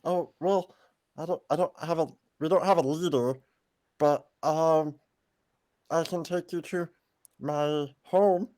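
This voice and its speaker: A man's voice: on the high side, fairly even intonation, slow pace, long pauses, darkish tone, pitched above the performer's own voice. A man voicing a small, hunched, pig-snouted creature who works as a miner and rambles in flustered restarts. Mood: awed.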